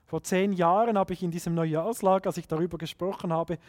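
Man, high voice, earnest sermon, emphatic, pausing often. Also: steady tone. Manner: earnest, emphatic, frequent pauses. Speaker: preacher.

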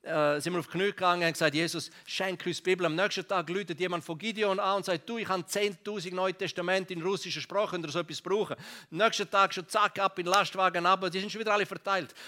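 Bright-voiced Swiss German preacher man. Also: sits high, fast talker. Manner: lively preaching, swings from loud to hushed. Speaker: pastor. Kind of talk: sermon with storytelling.

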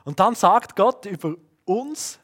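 A man who has children of his own, preaching a sermon and swinging between loud emphatic bursts and hushed, slowed-down lines. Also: high voice, expressive. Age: adult, father of young children.

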